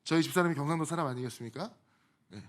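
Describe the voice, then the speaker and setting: A man's voice: on the high side, very fast. A male pastor delivering a sermon in a conversational way, mixing in humorous personal asides.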